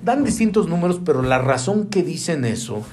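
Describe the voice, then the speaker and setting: A man delivering a sermon in a slightly high voice. He preaches with animation, jumping up in pitch and falling to hushed asides. He calls his listeners brother. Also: very animated, normal speed, slight background noise.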